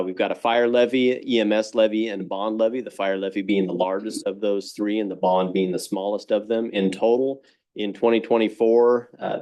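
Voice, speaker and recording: A middle-aged man, a fire chief, giving a brisk, plain-spoken presentation full of figures to a city council. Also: lowish voice, a little mellow. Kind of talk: public presentation. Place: council chamber.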